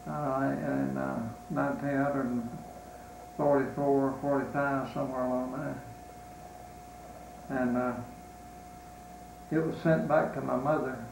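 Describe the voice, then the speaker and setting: Slow elderly Southern veteran, remembering. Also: male voice, medium pitch, fairly even intonation, creaky. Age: 80s or older. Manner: old veteran remembering, halting, with long pauses. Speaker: war veteran being interviewed. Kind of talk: unscripted reminiscence in an interview. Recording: roomy, distant mic, faint noise.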